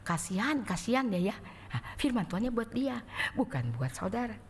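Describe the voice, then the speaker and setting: Animated woman preacher. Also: fairly high pitch, moderate pace, slight background noise. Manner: animated, acts out quotes, swings loud and soft. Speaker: evangelist preacher. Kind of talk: sermon. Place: church sanctuary. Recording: echoey church hall.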